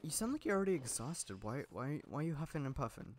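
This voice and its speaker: A man's voice: a little high, sing-song, fast. Chatty young man, rambling game commentary. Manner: rambling, chatty, laughs often, many fillers and restarts. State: a little sick. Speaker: gaming YouTuber. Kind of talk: casual gameplay commentary.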